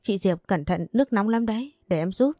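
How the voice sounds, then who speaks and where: A woman's voice: mid-range voice, animated, fairly quick, dark tone, dry recording, studio quality. A woman voicing a polite, earnest young wife who speaks deferentially.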